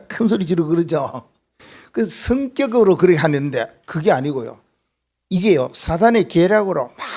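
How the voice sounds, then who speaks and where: A male pastor with a Gyeongsang accent preaching a sermon, animated and asking the congregation frequent rhetorical questions. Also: sits high, creaky.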